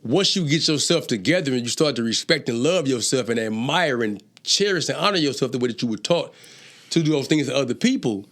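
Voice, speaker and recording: A man with a mid-range voice talks a little fast as the guest in a casual conversation. He's a rapper and entrepreneur whose stories come in profane street slang, with stammered restarts when he gets excited.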